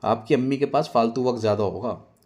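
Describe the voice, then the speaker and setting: Give me a sharp-tongued young wife in a comic audio story, answering with dry, cutting remarks in a plain, even voice, as a male narrator puts her on. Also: medium pitch, fast talker, close to an everyday voice.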